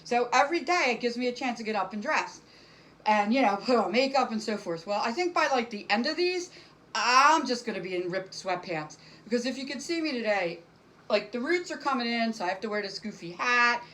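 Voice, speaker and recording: A woman's voice: fairly high pitch, lively intonation, a little fast, a bit bright, low-quality recording. A middle-aged woman doing a casual stand-up monologue to camera from home, rambling and self-deprecating with many fillers. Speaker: stand-up comic.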